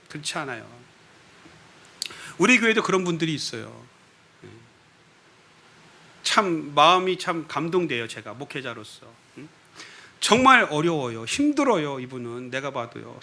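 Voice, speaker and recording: A man's voice: sits high, pushed and bright. A man preaching a sermon at a church worship service as its pastor, talking animatedly and prodding the congregation with frequent rhetorical questions.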